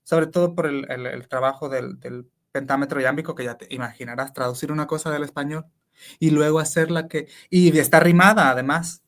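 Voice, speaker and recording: A man's voice: fairly high pitch, steady tone, fairly quick, a bit bright. A man with a Honduran Spanish accent, an acting teacher explaining his craft reflectively as an interview guest, often restarting his sentences. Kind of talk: conversational explanation.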